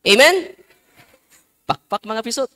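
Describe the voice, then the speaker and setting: High-pitched, lively joking priest. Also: male voice, slow, a little hiss or hum. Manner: jokey, teasing the congregation, mixing in English phrases. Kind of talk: humorous sermon with storytelling.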